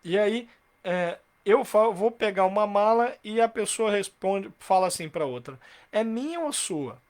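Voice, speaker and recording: A man teaches a live online English grammar class in a high, animated voice. He explains patiently, asks many rhetorical questions, and repeats example sentences slowly.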